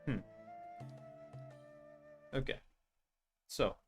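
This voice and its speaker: A man with a youthful-sounding voice who streams games with an animated avatar, rambling in a self-deprecating way as he chats with his viewers at the end of a stream. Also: drawn-out words, soft background music. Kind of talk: casual end-of-stream chat.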